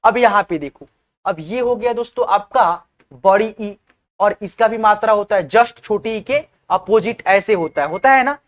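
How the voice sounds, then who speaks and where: Woman teacher going slow and patient, spelling stuff out letter by letter, keeps checking you got it. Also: medium pitch. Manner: patient, repetitive, often checks understanding. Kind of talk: whiteboard spelling lesson.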